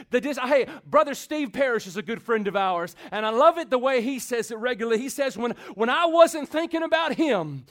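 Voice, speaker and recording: A man preaching a sermon in rhythmic, repeating phrases, asking the church for amens and swinging from loud build-ups to quiet, intimate talk. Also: high voice. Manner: rhythmic repetition with call-and-response asides. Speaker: pastor.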